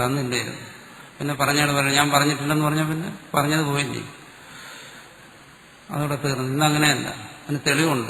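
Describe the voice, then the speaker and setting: A swami teaching scripture to his class. His voice is gravelly and sits at a middle pitch, and his manner is wry and teasing, pressing points home by repeating them. The sound is a roomy hall recording with a long echo. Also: a bit bright, slight background noise. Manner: wry, teasing, repeats key words for emphasis. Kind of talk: spiritual discourse to a class.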